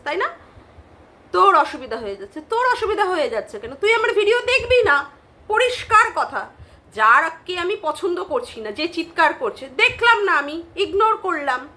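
A woman with a Bengali accent rants straight to camera, scolding and repeating herself in a confrontational vlog. Her voice sits high and sounds bright and sharp, with a cutting edge. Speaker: vlogger. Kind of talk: angry rant to camera.

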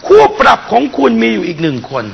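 A man's voice: high-pitched, big pitch swings, quick pace, gravelly, highs cut off, a crowd in the background. A man hosting a TV talk show, playfully firing teasing questions at a guest. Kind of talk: teasing TV quiz-style questioning.

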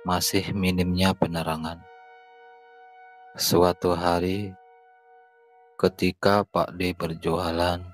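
A man narrating a horror story in a slow, measured storytelling voice. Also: sits low, poor audio.

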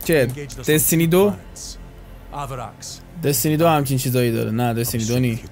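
A man's voice: mid-range voice, over music. A man streaming, giving casual, joking reaction commentary on game footage, playful and crude. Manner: joking, playful, swears freely. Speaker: gaming streamer.

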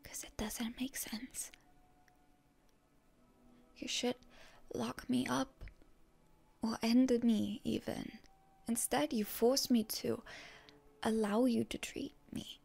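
Playing a wounded hero girl, proud and prickly, who defies and distrusts her enemy, a woman whispers breathily in an ASMR roleplay. Her slightly high voice is heavily acted, slow, and fairly even, with long pauses, sounding wary and puzzled.

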